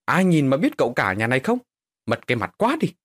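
A man's voice: medium pitch, wildly swooping pitch. A man voicing a gossipy third wife who mocks her stepson. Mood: mocking. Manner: mocking, quick.

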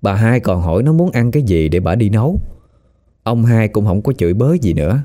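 Lively Southern Vietnamese man telling a story. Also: a little fast. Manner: lively, colloquial, rises in pitch at tense moments. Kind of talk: casual spoken storytelling.

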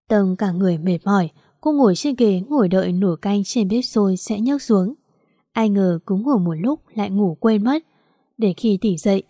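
Mellow-voiced woman narrating a story. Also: medium pitch, no echo, clean studio sound. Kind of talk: scripted narration of a romance story.

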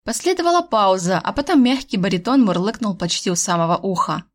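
A woman reads a first-person fantasy story at a mid-range pitch, expressive and wry. Her heroine's lines jump noticeably higher when excited. The delivery is lively audiobook narration. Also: brisk.

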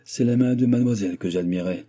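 A man voicing a composed, courteous nobleman who is a guest, speaking calmly and politely. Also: mid-range voice, quick pace, close to an everyday voice. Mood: gallant. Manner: calm and polite.

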